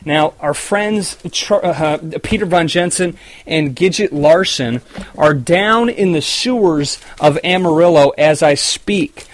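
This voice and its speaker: Frazzled post-apocalyptic radio host, played by a man, rambling and flustered, a bit high-voiced. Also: takes it slowly. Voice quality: rambling, flustered, stumbling over words. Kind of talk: comedic audio drama.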